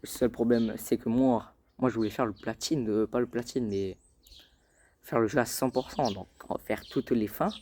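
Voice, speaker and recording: Speaking at a moderate pace in a dark, medium-pitched voice, with a little hiss or hum in the recording, a man hosts a casual gaming vlog. He rambles hesitantly, leans on fillers, and keeps saying "les gars" to his viewers.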